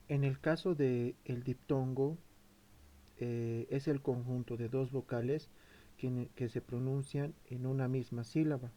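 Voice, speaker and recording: A man presents a school topic in a gravelly, mellow voice. He reads through his points haltingly, with filler sounds and frequent restarts. His delivery sounds like a student's prepared presentation. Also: medium pitch. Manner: hesitant, frequent fillers and self-corrections. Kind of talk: read-aloud school presentation.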